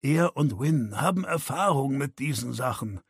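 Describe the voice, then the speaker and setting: A man's voice: mid-range voice, expressive, normal speed, gravelly, husky, no room sound, studio quality. A man voicing a worried older father in an audiobook, pleading and defensive.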